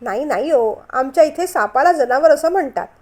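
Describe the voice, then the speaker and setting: A woman voicing a kind, earnest young woman who pleads warmly, in a storybook reading. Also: high voice, expressive, moderate pace. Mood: pleading.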